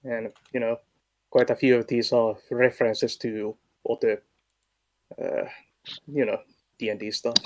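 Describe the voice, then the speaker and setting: A man playing a tabletop game, chatting casually in character with hesitant hums and pauses. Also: medium pitch, steady tone, a little mellow.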